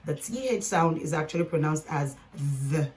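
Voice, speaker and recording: A woman's voice: deep voice, expressive, brisk, soft background music. A woman teaching a phonics lesson, patiently sounding out words letter by letter and talking straight to her learners.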